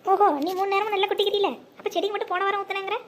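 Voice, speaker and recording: A woman doing a shrill-high, nagging villager. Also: little pitch movement, rapid-fire. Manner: nagging, sarcastic. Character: scolding, sarcastic village household member. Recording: faint background noise.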